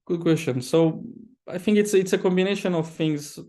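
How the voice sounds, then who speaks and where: A man's voice: sits high, moderate pace, dark tone. A man with a Romanian accent answers interview questions conversationally as a property developer, often stopping and repeating words mid-sentence. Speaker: property developer, podcast guest.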